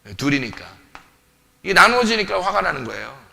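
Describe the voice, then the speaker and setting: A man's voice: sits high, sing-song, fairly quick, vocal fry, pushed and bright. A male pastor preaching a sermon, emphatic and full of rhetorical questions to the congregation, recorded in a church sanctuary. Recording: long reverb of a church hall.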